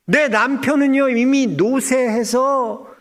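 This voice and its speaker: A man's voice: very high voice, steady tone, takes it slowly, fairly bright tone, pitched above the performer's own voice, full character voice. A pastor, a man, voicing an older woman who scoffs and exclaims in disbelief during a sermon. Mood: scoffing. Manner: exclaiming, incredulous.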